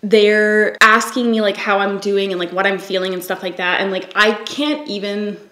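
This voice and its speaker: A woman's voice: mid-range voice, moderate pace. Woman telling a story, echoey room. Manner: swears freely, laughs often, lively. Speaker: vlogger. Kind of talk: casual storytelling.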